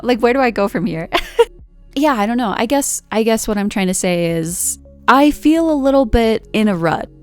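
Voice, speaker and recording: An American art vlogger in her twenties talks candidly in a reflective, rambling monologue peppered with fillers. Her voice is medium-pitched and clean.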